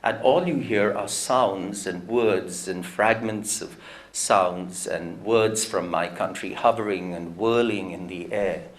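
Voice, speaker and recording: A man's voice: low voice, takes it slowly. A man giving a public lecture, telling a story in a reflective, anecdotal way and quoting others in his own voice.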